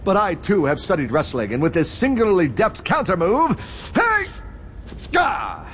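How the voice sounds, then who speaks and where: A man's voice: sits high, sing-song, normal speed, slight background noise. A man playing a pompous, earnest and slightly dim cartoon superhero with a wordy, declamatory manner. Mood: straining bravado. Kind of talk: superhero cartoon parody audio drama acting.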